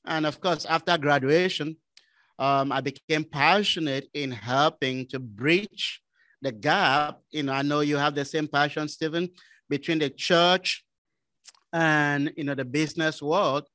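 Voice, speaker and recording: A man from Cameroon, a business consultant and former pastor, telling his testimony in casual conversation, animated and laughing often. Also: a little high, unhurried, dry recording. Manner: animated, laughing often, acts out his own quoted lines. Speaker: guest.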